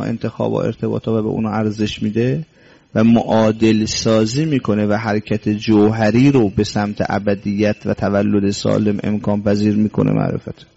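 Preaching in a creaky, slightly rough mid-range voice with a darkish tone, this man recites Arabic scripture before explaining it. He repeats his key words, asks rhetorical questions and sometimes scolds sternly, all captured in dull lo-fi sound.

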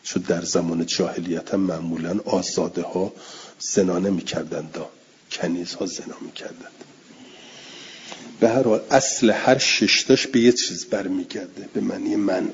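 A man teaching a religious text in class, reading Arabic passages aloud and then explaining them in Persian, slowing down and repeating key words. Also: low voice, gravelly, in a large hall, slight background noise. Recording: dull lo-fi recording.

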